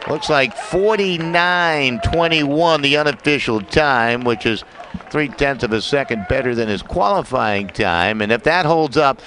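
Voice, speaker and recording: Male track commentator, crisp forward tone, medium pitch, live play-by-play with faint outdoor noise behind. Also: measured pace, fairly bright tone. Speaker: sports commentator. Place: outdoor stadium.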